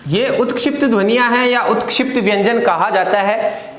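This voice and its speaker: A man's voice: high voice, moderate pace, fairly bright tone, echoey room, a little hiss or hum. A man teaching Hindi grammar in an online lesson, explaining step by step and asking and answering his own questions.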